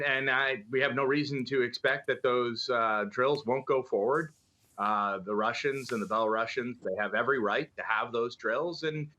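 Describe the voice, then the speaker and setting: Speaking with a sharp tone at medium pitch, the same sort of guest, a middle-aged political analyst and journalist, comments on the news live. He sounds conversational and a bit hesitant, leaning on rhetorical questions. A dull, lo-fi remote connection carries the sound.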